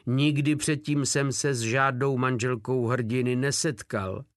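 A man's voice: mid-range voice, fairly even intonation, dry recording, studio quality, lightly acted. A man voicing a sly, teasing soldier who speaks with mock politeness in a storybook reading. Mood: mock-polite. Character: sly mocking male soldier, joker.

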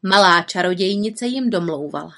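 A woman reading a children's story aloud in gentle, even narration. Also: lowish voice.

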